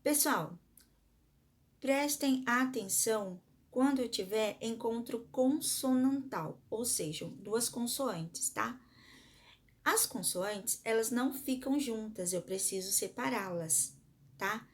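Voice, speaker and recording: A woman schoolteacher with a Brazilian Portuguese accent gives a recorded lesson to her pupils in a fairly high voice at a slow pace. She explains patiently step by step, sounds out words syllable by syllable, and asks the class questions she then answers herself.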